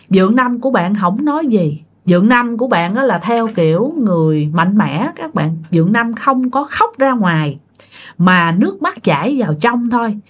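Chatty woman telling ghost tales. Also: mid-range voice. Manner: chatty, addresses listeners directly. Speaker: storyteller. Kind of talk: ghost story narration.

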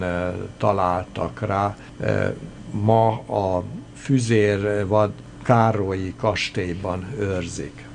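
A male radio host presenting history notes, pausing often with filler sounds and restarting phrases. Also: on the low side, slight background noise.

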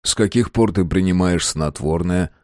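A man's voice: low voice, moderate pace, darkish tone, dry recording, close to an everyday voice. A man reading an audiobook voices a wry, joking young husband close to his own voice. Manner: joking, easygoing. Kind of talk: audiobook character voice.

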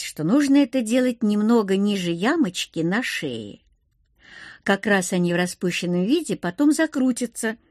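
A woman narrating a first-person audiobook with expressive, lively inner monologue. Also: medium pitch, no echo, clean studio sound. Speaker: audiobook reader.

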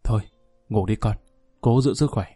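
A weary elderly father who speaks softly and pleads, read by a man narrating an audiobook. His voice is warm and dark. The recording is close and dry. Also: lowish voice, normal speed, husky, no room sound, faint music behind. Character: worried elderly father, gentle and resigned.

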